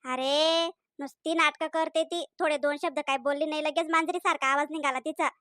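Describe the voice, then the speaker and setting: A sharp-tongued cartoon granny, voiced by a performer, scolding and sarcastic, pitched lower than the others. Her voice is dry and close to the mic. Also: fairly even intonation, brisk, no echo. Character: scolding, mocking old grandmother. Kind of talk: cartoon voice acting.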